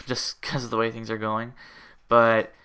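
A man's voice: medium pitch, flat delivery, unhurried, bright, forceful tone, clear, resonant tone. A young man hosting a gaming channel, giving a casual update at home and rambling with lots of fillers and restarts.

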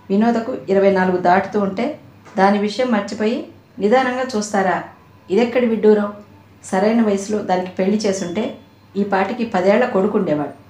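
A woman's voice: mid-range voice, lightly acted. A woman voicing an irritable, tired middle-aged mother who scolds her husband, recorded in an echoey room. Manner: sharp, scolding.

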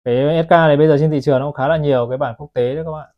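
A man's voice: a little high, steady tone, very fast, muffled recording. A man selling watches, chatting to his viewers as he films a product review on his phone. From Vietnam. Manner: chatty, keeps addressing viewers as "các bác". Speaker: watch seller.

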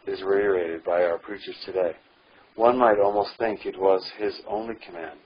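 A man reading a devotional book aloud in earnest, measured scripted narration that swells on key phrases. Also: fairly low pitch, muffled recording, slight background noise. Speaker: audiobook reader.

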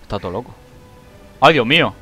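A man giving excitable let's play commentary, shrieking when he panics. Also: medium pitch, brisk, soft background music. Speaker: gaming YouTuber.

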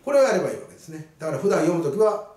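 Guy teaching english, bouncy up-and-down voice, kinda far from the mic. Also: high-pitched. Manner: slow, deliberate reading of English sentences; animated explaining with frequent "ne" tags. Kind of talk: spoken English lesson. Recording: echoey room, set back from the mic.

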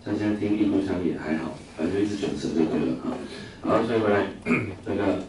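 A man's voice: low-pitched, fast talker. A man from Taiwan teaching English vocabulary to a class, chatty, full of filler sounds and questions to the students. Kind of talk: classroom lecture with anecdotes. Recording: echoey classroom from a distant mic, noisy.

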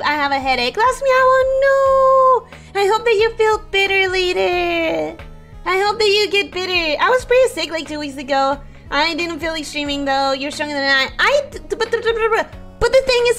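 A young woman streams casually, reading chat and greeting viewers while giggling often. Her very high, fairly bright voice sounds hoarse and ragged from sickness.

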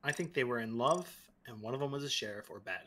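A man chatting in a group game on voice chat, rattling off his house rules quickly. His pitch is in a middle range, and he jokes as he explains. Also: expressive, pushed and bright. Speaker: fellow streamer and game host. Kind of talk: casual gaming chat.

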